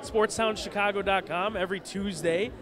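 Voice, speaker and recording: A man's voice: high voice, steady tone, normal speed. A man chatting casually as the interviewer for a wrestling show. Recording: outdoor urban crowd and traffic noise.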